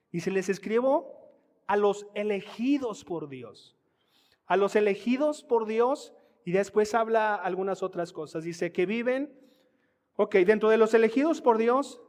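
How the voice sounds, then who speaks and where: A man preaching a sermon with a Mexican Spanish accent, teaching in a conversational way and calling the congregation family. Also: high voice. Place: church hall. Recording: long hall reverb.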